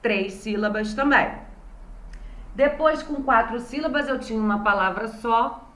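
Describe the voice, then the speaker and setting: Slow, patient Brazilian teacher in echoey room. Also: female voice, on the high side, a bit bright. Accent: Brazilian Portuguese. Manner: patient, sounds out words syllable by syllable. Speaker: primary school teacher. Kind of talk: remote lesson recap for young children. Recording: roomy echo.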